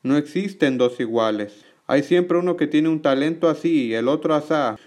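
A man relaying a preacher's teaching in an earnest, measured way, with small slips and restarts. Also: a little high, darkish tone. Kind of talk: religious teaching narration.

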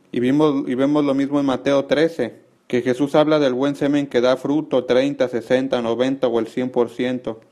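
A man's voice: mid-range voice, darkish tone. A man preaching a sermon, earnestly explaining scripture and quoting verses. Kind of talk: sermon, Bible study.

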